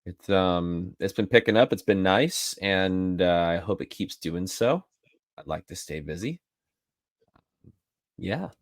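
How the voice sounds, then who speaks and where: Low-voiced relaxed man, dry podcast mic. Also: slow pace, long pauses, no echo. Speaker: podcast co-host, real estate agent. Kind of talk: casual podcast chat.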